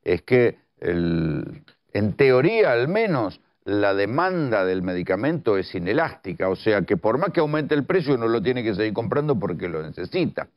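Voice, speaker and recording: Gravelly low guy explaining economics slowly, dry dull sound. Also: very animated, no room sound. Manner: measured, explanatory. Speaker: economic commentator. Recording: dry, dull-toned recording.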